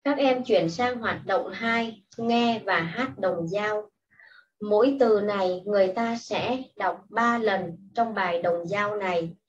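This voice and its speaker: A woman teacher giving patient, step-by-step instructions in a slow classroom style. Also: medium pitch. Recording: distant, muffled mic with faint hiss.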